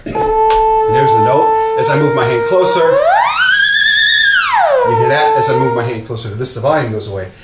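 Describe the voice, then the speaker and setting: Relaxed man demoing gear in a roomy space. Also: mid-range voice, fairly quick, long pauses, over loud music. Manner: relaxed explaining, with fillers and restarts. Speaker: product demonstrator. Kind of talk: casual gear demonstration. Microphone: open vocal mic at a distance. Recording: roomy, distant mic, faint hum.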